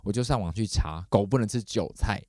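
Fast-talking man, storytelling. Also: no room sound, clean studio sound. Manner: animated, acts out quoted voices with big pitch jumps. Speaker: podcast host. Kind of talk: casual storytelling.

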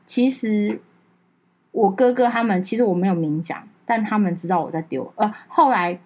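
A woman's voice: medium pitch, normal speed. A young woman co-hosting a podcast, chatting casually and acting out her relatives' lines as she tells a story. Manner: animated storyteller, acts out relatives' lines in raised voices. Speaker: podcast co-host. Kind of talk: casual chat.

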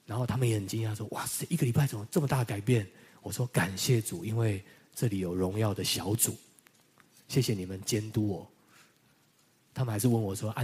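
A man pastor delivering a sermon, telling personal stories, moving between loud emphasis and quiet, reflective passages. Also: fairly low pitch, husky.

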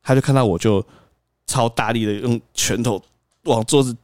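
A man's voice: medium pitch, normal speed, darkish tone, dry recording, clean studio sound. A young man telling a workplace story on a podcast, acting out quotes and laughing often. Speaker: podcast host. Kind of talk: casual storytelling chat.

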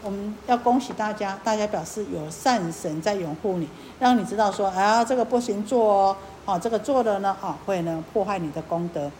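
A Buddhist nun preaches to her listeners in a chatty, unhurried way, filling pauses and posing rhetorical questions. Her voice sits in the middle range for a woman. A faint noise runs underneath. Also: mid-range voice, a little mellow, rough recording. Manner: colloquial, many drawn-out fillers, rhetorical questions. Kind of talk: Buddhist sermon.

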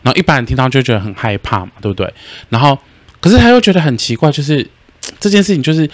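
A man's voice: mid-range voice, animated, quick pace, no room sound. A man tells a story in casual podcast chat and acts out the quoted voices. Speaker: podcast host.

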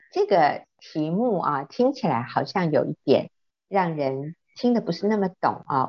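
Low gravelly woman host, friendly intro, kinda dull lo-fi sound. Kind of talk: radio program introduction.

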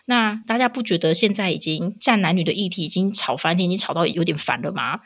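A woman with a Taiwanese Mandarin accent hosts a casual, opinionated podcast, animatedly telling stories and acting out what people said. Her lowish voice is husky, and she talks fast.

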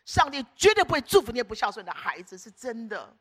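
A woman's voice: on the high side, big pitch swings, quick pace, a bit bright, husky. A middle-aged woman preacher delivering an emphatic sermon, repeating phrases in rhythmic lists.

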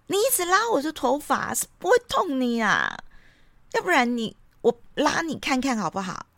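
A woman voicing a cranky young girl who protests loudly while her hair is being tied. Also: huge pitch swings, moderate pace, creaky, no room sound, heavily acted. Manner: shrill, indignant complaining.

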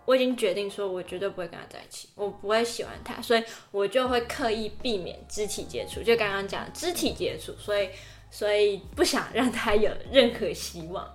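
A brisk, mid-range voice belongs to a young adult woman co-hosting a casual podcast in a Taiwanese Mandarin accent. She tells her personal anecdotes animatedly, slipping into character to act out quotes and inner thoughts.

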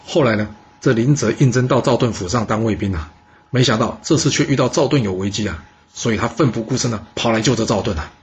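A man telling a history story in a lively, chatty way. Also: mid-range voice, breathy edge. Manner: lively, chatty, drawn-out particles. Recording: dull lo-fi recording.

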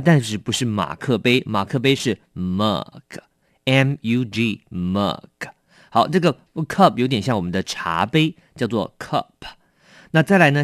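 A man with a Taiwanese Mandarin accent teaching English vocabulary, explaining patiently and repeating each word slowly. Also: medium pitch, no echo, studio quality. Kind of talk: vocabulary lesson.

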